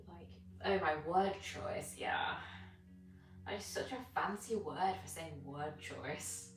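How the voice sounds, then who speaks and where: With a lowish voice and a slow pace, a fitness streamer stretches and rambles informally with her live audience. She is British, and Gujarati was her first language. The sound is roomy and picked up from a distance, with music playing behind her.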